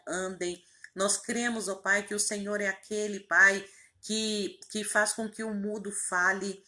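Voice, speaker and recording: A woman's voice: mid-range voice, bright, forceful tone. A woman, a pastor leading a fervent spoken prayer with repeated invocations and rising emphatic phrases.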